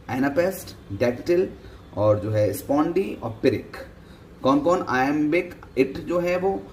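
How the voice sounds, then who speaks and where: A man with an Indian accent teaches a lesson, explaining step by step and asking and answering his own questions, mixing English words into Hindi. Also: on the high side. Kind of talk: exam-prep lesson. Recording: distant mic with faint background noise.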